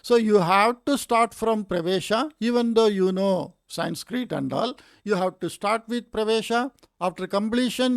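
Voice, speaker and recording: A man in his sixties with a Kannada Indian accent, giving an informal explanatory lecture in a halting way with frequent pauses and tag phrases. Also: high voice, gravelly, no room sound, studio quality. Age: 60s.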